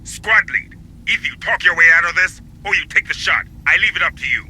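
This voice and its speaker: A man playing a steady, dry marine captain in a video game, with clipped commands. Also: on the high side, fairly quick, slight background noise, poor audio. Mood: urgent.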